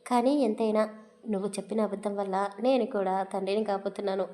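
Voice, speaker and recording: A woman voicing a young husband who talks to his wife in a gently teasing, amused way. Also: mid-range voice, fairly even intonation, brisk, background noise, natural voice.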